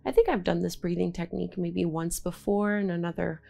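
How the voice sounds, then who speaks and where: Soothing, creaky-voiced woman yoga teacher. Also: on the low side, flat delivery, brisk, dark tone. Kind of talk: guided yin yoga instruction. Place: indoor home studio room, seated and lying on a mat.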